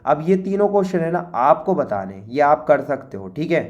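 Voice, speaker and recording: A man's voice: on the high side, big pitch swings, a little mellow, highs cut off. Indian man talking through an exam paper. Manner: chatty, repeats "okay" often, reads English lines slowly. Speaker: teacher. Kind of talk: exam paper walkthrough lesson.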